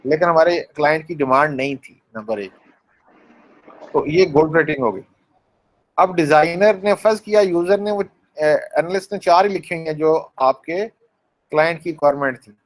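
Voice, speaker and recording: Lecturing man with a higher voice. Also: moderate pace, poor audio. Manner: explains by acting out little scenes, asks the class questions; mixes English phrases into Hindi speech. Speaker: university lecturer. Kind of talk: classroom lecture.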